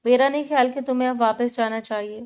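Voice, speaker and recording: A woman's voice: fairly high pitch, steady tone, a little mellow, clear, resonant tone, lightly acted. A woman reading the part of a stern, cold young husband who speaks firmly in a storybook. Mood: serious. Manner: cold, firm, clipped.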